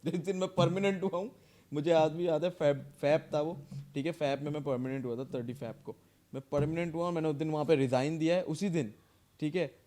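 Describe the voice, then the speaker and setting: A young man, telling a workplace story on a podcast in a lively, laughing way, acting out the dialogue. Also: a little high, brisk. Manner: animated, acts out dialogue, laughs often. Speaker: podcast co-host. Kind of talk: casual storytelling chat.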